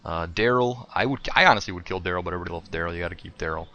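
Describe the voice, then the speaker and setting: Deep-voiced man ranting sarcastically. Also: rapid-fire, bright, forceful tone. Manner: sarcastic, rambling, lots of fillers. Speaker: podcast host. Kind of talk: casual opinion rant.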